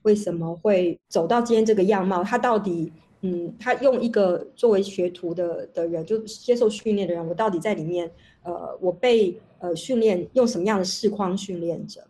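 A woman's voice: mid-range voice, moderate pace, dark tone. A woman, a researcher speaking as a guest in an online panel talk over a video call, explaining at length with many restarts. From Taiwan.

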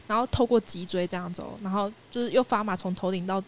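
Fast-talking woman telling a ghost story. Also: mid-range voice, a little hiss or hum. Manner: animated storyteller, sound effects and quoted dialogue.

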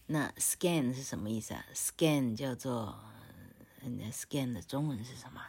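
Low, slow older Taiwanese woman teaching. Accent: Taiwanese Mandarin. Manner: chatty, thinks aloud, tags phrases with "hah". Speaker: English teacher, podcast host. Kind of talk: casual podcast lesson.

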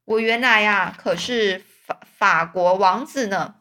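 A woman's voice: medium pitch, a little slow, bright, forceful tone. A woman voicing an old bald male swindler who claims to be a lost king, whining and grandiose. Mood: aggrieved.

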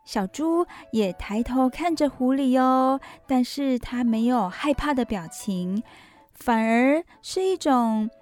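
Speaking slowly but animatedly in a high voice, a Taiwanese-accented woman hosts a bedtime story program for kids, asking them questions and softening the ends of her sentences.

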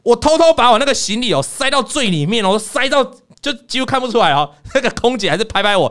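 A man hosting a casual chat, telling stories in an animated way and acting out scenes. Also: very high voice, fast. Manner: animated storyteller, acts out scenes. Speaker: podcast host.

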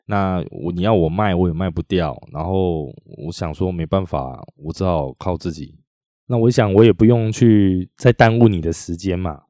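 Low-voiced Taiwanese podcast storyteller. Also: male voice, warm tone, no echo, clean studio sound. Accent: Taiwanese Mandarin. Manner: chatty, with frequent drawn-out tag particles. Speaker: podcast host. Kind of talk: casual storytelling monologue.

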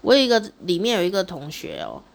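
A middle-aged woman with a Taiwanese Mandarin accent chats casually to her audience, telling a personal story. Her voice swings from high and lively to low and quiet as she plays with the telling. She keeps adding a drawn-out "oh" at the end of her phrases. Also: gravelly. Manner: animated, ends phrases with drawn-out "oh" tags. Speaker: vlogger.

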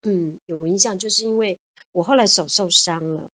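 A woman in her fifties with a Taiwanese Mandarin accent speaks at medium pitch and normal speed. As a radio interview guest, she reminisces about her childhood and adventures in a conversational way, earnest and warm-hearted, often exclaiming.

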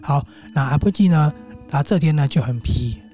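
Chatty Taiwanese Mandarin storyteller. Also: male voice, fairly high pitch, normal speed. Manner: chatty, animated, with asides to the audience. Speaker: host and storyteller. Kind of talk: casual ghost-story telling. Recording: background music under the voice.

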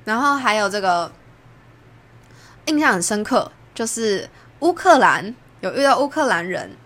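A young woman from Taiwan with a Taiwanese Mandarin accent, hosting a podcast and chatting through a personal story, jumping up in pitch when she acts out what people said. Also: very animated, a little slow, fairly bright tone. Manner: chatty, acts out quoted lines with big pitch jumps. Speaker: podcast host. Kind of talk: casual storytelling monologue.

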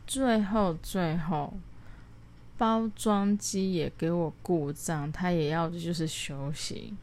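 A woman's voice: on the low side, fairly even intonation, slow pace, darkish tone. A woman talking alone in a casual late-night monologue, rambling through her stories with frequent restarts and English words mixed in. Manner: rambling, chatty storytelling with many restarts. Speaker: solo podcast host.

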